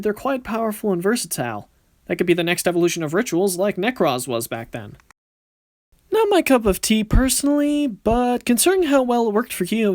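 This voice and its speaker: A man's high voice, recorded with no room sound, brings to life a young card duelist in an amateur anime-style show. The character is cocky yet good-natured, tossing out casual, swaggering banter.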